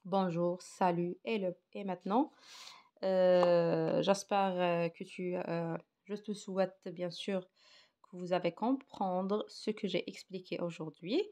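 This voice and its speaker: Mellow-voiced woman teaching grammar. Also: on the low side, fairly even intonation, slow. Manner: hesitant, many fillers, switches between French and Arabic to explain. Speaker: primary school teacher. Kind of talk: recorded grammar lesson for children.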